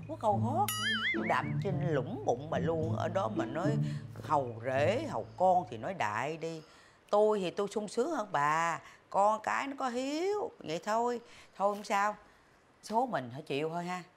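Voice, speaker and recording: A woman's voice: lowish voice, very animated, normal speed, slightly rough, faint music behind. An actress playing a chatty, boastful elderly mother in her sixties, with a Southern Vietnamese accent and frequent exclamations. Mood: teasing. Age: 60s. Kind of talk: sitcom acting.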